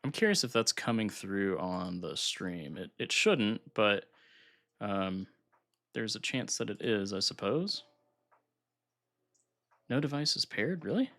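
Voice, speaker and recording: A man with a lowish voice takes things slowly and pauses often as he hosts a casual live stream, relaxed and thinking aloud through his software setup at the computer. Still recovering from illness, he sounds slightly congested and a bit nasal.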